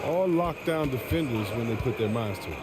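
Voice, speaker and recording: A man's voice: medium pitch, lively intonation, fairly quick, lightly acted. A man playing a color commentator in a video game broadcast, giving conversational, emphatic live basketball analysis. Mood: admiring, analytical. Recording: loud arena noise behind.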